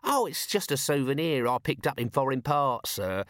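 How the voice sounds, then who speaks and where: A suave, cunning ruler speaks with an unhurried, faintly amused smoothness, as a male narrator puts him on. His voice rides a little above the reader's own and moves with lively pitch. The recording is close and dry, with no room sound. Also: no echo. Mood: silky.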